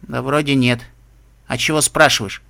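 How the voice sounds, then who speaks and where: A snappish young woman fighter, quick to anger and sharp of tongue, as a male reader gives her voice. Her retorts are short and curt, as in a spoken storybook. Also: medium pitch, steady tone, vocal fry. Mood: irritable.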